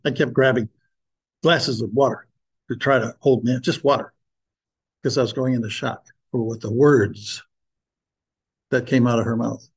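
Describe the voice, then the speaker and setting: A man's voice: mid-range voice, fairly even intonation, normal speed, creaky, long pauses, slightly rough. An older man speaking earnestly and with emphasis, preaching and sharing a personal testimony with his listeners.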